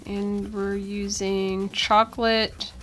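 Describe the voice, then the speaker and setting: With faint music underneath, the art tutorial host, a young woman at an indoor drawing desk, speaks slowly in a medium pitch, her voice still weak after a cold. Her manner stays easygoing and chatty, full of ums and uhs.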